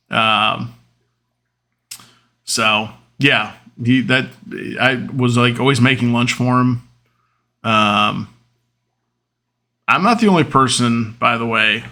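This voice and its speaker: A man hosting a podcast, telling casual stories in a rambling way, full of fillers, getting loud and animated when he retells arguments. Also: mid-range voice. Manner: rambling, with many fillers like "um" and "whatever". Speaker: podcast host. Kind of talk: casual storytelling monologue.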